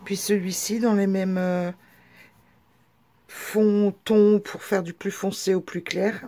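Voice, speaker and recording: A woman's voice: medium pitch, little pitch movement, slow pace, dark tone. A woman vlogger presenting her books in a chatty, hesitant way, full of fillers and restarts. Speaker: craft vlogger. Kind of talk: casual show-and-tell video.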